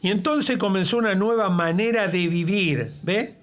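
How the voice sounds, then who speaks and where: A man's voice: sits high, moderate pace, a bit bright, faint music behind. A man leading a church Bible study conversation, speaking emphatically and quoting scripture at length.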